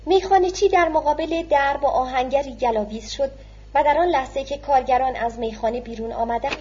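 A woman narrating a novel as an audiobook in a steady, measured reading voice. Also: sits high, lo-fi sound, slight background noise. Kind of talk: scripted narration.

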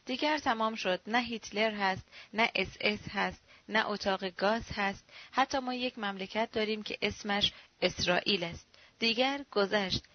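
A woman's voice: medium pitch, no echo, natural voice. A woman reading as a pitying, exasperated man. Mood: insistent. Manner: pitying, soothing, sometimes roaring. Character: exasperated, pitying middle-aged male friend. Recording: dull, dry lo-fi recording.

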